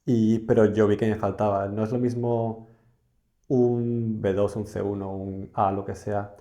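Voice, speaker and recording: A man's voice: fairly low pitch, level tone, measured pace, dark tone. A young man from Spain, a podcast guest, talking casually and reflectively with frequent hesitations. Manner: reflective, hesitant with many fillers. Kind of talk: casual interview conversation.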